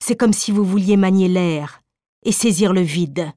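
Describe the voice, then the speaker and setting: A woman as a defiant young wife, icy, measured, dignified, audiobook, dry. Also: lowish voice, dark tone, dry recording, lightly acted. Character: proud defiant young wife, icily calm. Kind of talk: audiobook reading.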